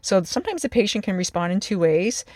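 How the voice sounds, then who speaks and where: An emergency department clinician giving an instructional talk in a calm, measured way, often restarting and repeating words. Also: medium pitch, dry recording, clean studio sound. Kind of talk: instructional talk on calming angry patients.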